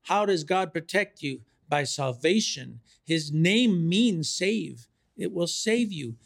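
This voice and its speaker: A man preaching a sermon, slow and deliberate, repeating key phrases for emphasis. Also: a little high, lively intonation, creaky.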